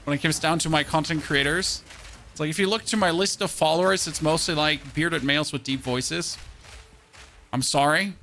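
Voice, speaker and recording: At normal speed, a man with a high-pitched, bright voice, vocal fry and a forceful tone chats casually with viewers during a game stream. He keeps restarting sentences and repeating words as he rambles, with a little hiss or hum present.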